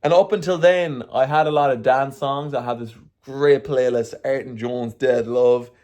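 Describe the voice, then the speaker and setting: A young man talks through his own podcast in a loose, rambling way. He drops slang and the odd swear word, and his voice sits at an ordinary middle pitch for a man. It sounds like casual solo chat. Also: steady tone, normal speed, darkish tone. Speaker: podcast host.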